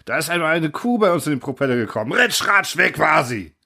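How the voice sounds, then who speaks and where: This is a bumbling, eager guard, put on by a male reader, stumbling through a speech and padding it with halting fillers. The voice sits above the reader's own and rises and falls in lively swings. It belongs to a storybook reading. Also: on the high side, vocal fry, pitched above the performer's own voice, heavily acted. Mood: earnest rambling. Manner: halting, rambling, full of fillers.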